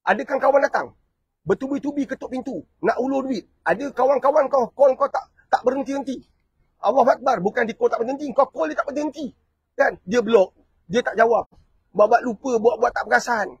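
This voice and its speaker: A man's voice: very high voice, a little fast, breathy edge, no room sound, highs cut off. A man with a Malaysian Malay accent, giving a fiery family-themed preaching talk full of rhetorical questions. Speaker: motivational family speaker.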